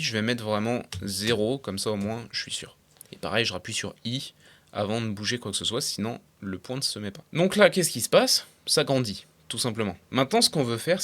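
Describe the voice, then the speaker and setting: A young man talking casually through a software tutorial step by step, with frequent fillers and English terms mixed in. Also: mid-range voice. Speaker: tutorial creator. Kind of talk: screen-recorded software tutorial.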